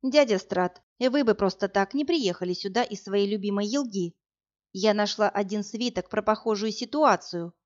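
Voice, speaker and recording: A woman's voice: mid-range voice, normal speed, dull audio, lightly acted. A woman voicing a young witch girl who speaks in a snappy, teasing way. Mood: eager, snappy. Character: young witch girl, sharp-tongued, excitable.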